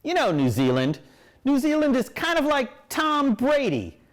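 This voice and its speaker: A man's voice: very high-pitched, huge pitch swings, a little slow. A man delivering a late-night comedy monologue as host, with punchline timing. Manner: punchline delivery, jumps into silly voices.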